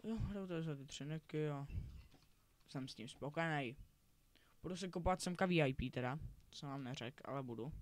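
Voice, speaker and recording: Teen boy, fairly high voice, rambling casual game commentary. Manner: rambling, self-correcting, chatty. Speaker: gaming YouTuber.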